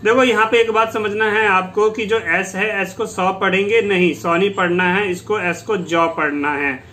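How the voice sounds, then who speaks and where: A man teaching English phrases in Hindi, repeating each phrase slowly and explaining it patiently to his students. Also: high voice, fairly even intonation, sharp tone, a little hiss or hum. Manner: slow, repeats each phrase twice, drawing out English words; addresses listeners as "beta", explains patiently. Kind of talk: Hindi-language English lesson.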